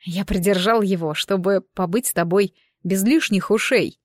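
A woman's voice: mid-range voice, normal speed, dry recording, lightly acted. A playful young man who jokes and teases, as a woman narrator reads his lines. The delivery stays close to plain reading, in a dry, close recording with no room sound. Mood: confiding. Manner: joking, bantering.

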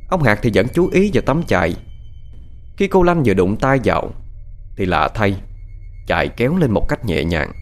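Lively male ghost-story narrator. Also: fairly low pitch. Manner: expressive, storytelling cadence.

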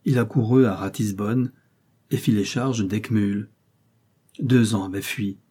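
A man with a low, husky voice reads a classic short story in a measured, unhurried way. His tone is dark and mellow, and he lifts his pitch when voicing the characters' lines. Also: steady tone. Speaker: narrator. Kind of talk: audiobook reading of a short story.

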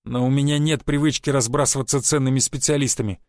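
A man's voice: mid-range voice, fairly even intonation, fast, a little mellow, no echo, clean studio sound, natural voice. A man voicing an angry, cursing male secret police chief who scolds his agent in an audiobook. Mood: stern. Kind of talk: audiobook character voice.

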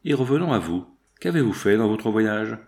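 A man's voice: on the low side, big pitch swings, normal speed, a little mellow. A man reading aloud, voicing a young dressmaker's fitter who is anxious and scheming, in a lifted voice. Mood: probing.

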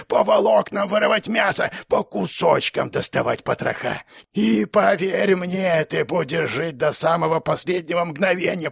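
A man voicing a cruel, wheezing female guard who shrieks hoarse threats. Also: sits high, no echo, studio quality, voice pushed up, exaggerated voice.

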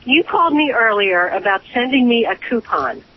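A woman's voice: fairly high pitch, lively intonation, normal speed. A woman heard over the phone, arguing indignantly and insistently, repeating herself as the target of a prank call. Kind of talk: angry phone argument. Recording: muffled phone line with faint hiss.

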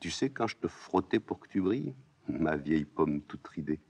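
A man reading a play aloud, voicing a grave, stubborn young princess in a soft, low voice. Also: animated, moderate pace, creaky, slightly rough, heavily acted. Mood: tender. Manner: soft, hushed, subdued.

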